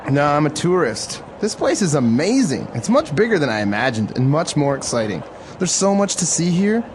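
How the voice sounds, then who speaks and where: A man's voice: fairly high pitch, big pitch swings, normal speed. A man playing a chatty tourist on a bus. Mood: friendly. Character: friendly male tourist on a bus. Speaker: dialogue actor. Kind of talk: scripted textbook dialogue. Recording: city traffic noise behind. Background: vehicle and street noise.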